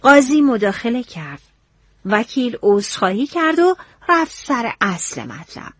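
Expressive woman narrating a story. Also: on the high side, dry recording. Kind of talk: scripted narration of a novel.

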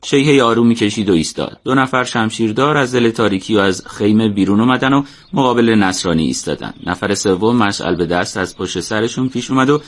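Male narrator for an audio adventure story, lowish voice, steady and colloquial. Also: hardly any pauses.

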